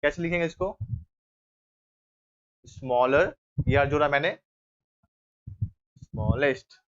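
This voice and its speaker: A man's voice: a little high, slow pace, fairly bright tone. A young male teacher giving a grammar lesson in a classroom, explaining step by step and often checking with his students. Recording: dull lo-fi recording.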